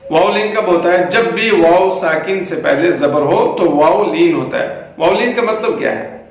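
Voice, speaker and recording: A man teaching Quran recitation, patiently explaining how each letter sounds and then slowly chanting the words. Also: high voice, expressive. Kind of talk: tajweed lesson with slow chanted recitation. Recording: very echoey room.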